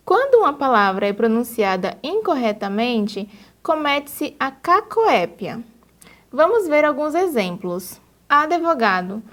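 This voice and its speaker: Slow, high-voiced woman teaching a lesson. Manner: slow, deliberate, didactic. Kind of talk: scripted lesson narration.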